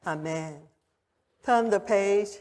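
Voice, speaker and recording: A woman pastor leading a confirmation service in a formal, measured liturgical manner, her voice carrying a long cathedral-like echo. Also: medium pitch, background noise. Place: church sanctuary. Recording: voice in a reverberant church.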